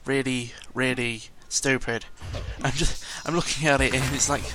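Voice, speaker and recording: In this casual audio log, a male gaming vlogger grumbles and hesitates his way through blunt opinions, with occasional mild swearing. His mid-range voice is flat and moderately paced, and the background is noisy.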